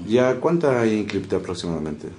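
A man's voice: fairly low pitch, sing-song, brisk, a little mellow. A man with an Argentine accent, a radio interviewer asking questions in a joking, informal way. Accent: Argentine Spanish. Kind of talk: casual interview.

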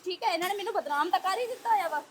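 A young Punjabi woman with a Punjabi accent, giving an agitated interview to reporters and pressing one rapid rhetorical question after another. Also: very high-pitched, expressive, a little hiss or hum. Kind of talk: heated street interview.

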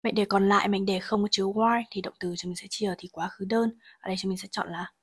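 Breathy lady teacher walking through english test answers, middle pitch. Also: steady tone. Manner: reads English sentences slowly, then translates. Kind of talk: explaining exam answers.

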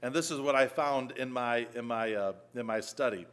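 A man preaching a sermon in a church, reading scripture emphatically and then dropping to a soft, low voice. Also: normal speed, clear, resonant tone. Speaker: pastor.

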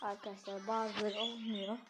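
A woman giving excitable, easily frustrated commentary on a mobile game she plays, talking straight to her viewers. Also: medium pitch, moderate pace, heavy background noise. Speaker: gaming channel host. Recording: clear background game music.

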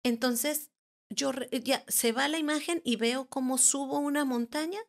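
Speaking in a high-pitched voice, this therapist in her forties, a guest on a podcast, describes her own brush with the paranormal. The telling is halting, with frequent restarts as she searches for the right words.

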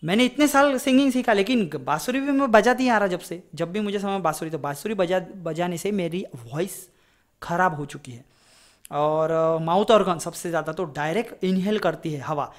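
Here a man with a high voice, speaking at a moderate pace, teaches a casual flute lesson. The music teacher rambles chattily, digresses with advice, and often checks on his students by saying "ठीक है?"

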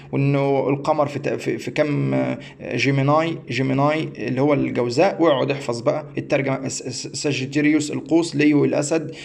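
Here an Egyptian-accented astrology teacher leads a screen-share tutorial on a website. His mid-range voice is creaky and a little mellow, and his step-by-step explanation wanders, repeats, and is full of stumbles and restarts.

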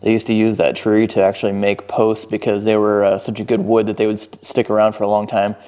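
Brisk and flat in delivery, this foraging vlogger, an American man in his thirties, explains things casually into a clip-on wireless lapel mic. His lowish voice sounds warm, clear, and resonant.

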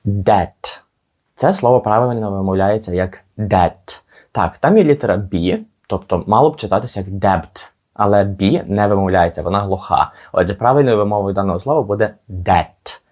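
A young man teaching English pronunciation, patiently repeating each word slowly for learners. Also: fairly low pitch, lively intonation, a little mellow. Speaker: English teacher on his channel.

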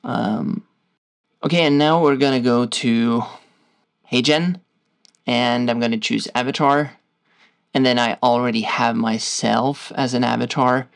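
A man with a Norwegian accent, casually walking viewers through a software tutorial in a loose, stop-start way. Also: medium pitch, steady tone, a little slow, gravelly, long pauses. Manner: loose, stop-start explaining while clicking through screens. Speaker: tutorial host.

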